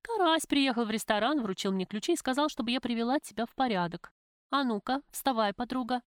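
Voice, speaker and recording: A woman's voice: fairly high pitch, expressive, brisk, no echo, clean studio sound, voice pushed up, natural voice. Woman doing a bossy, blunt streetwise girlfriend. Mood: urgent scolding. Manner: blunt, scolding, rough slang. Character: brassy, bossy young woman, a streetwise friend.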